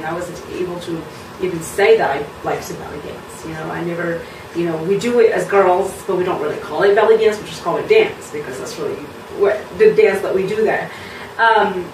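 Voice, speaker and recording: A woman's voice: on the low side, far from the mic, a little hiss or hum. Frank, chatty woman in a roomy space. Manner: frank, lively, many ums and you knows. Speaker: belly dance teacher. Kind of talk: casual chat to camera.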